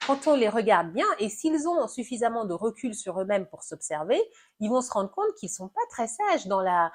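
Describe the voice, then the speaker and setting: A woman talking through parenting in an animated, explanatory conversation, acting out little examples as she goes. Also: medium pitch, moderate pace. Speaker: guest discussing parenting. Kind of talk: conversational discussion.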